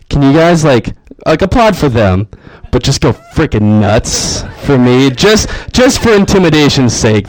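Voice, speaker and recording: A man's voice: medium pitch, no echo, rough recording. A young man performing a stand-up comedy set on a club stage, telling stories and acting out his own panicky voice. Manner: animated storytelling, acts out his own panicked voice.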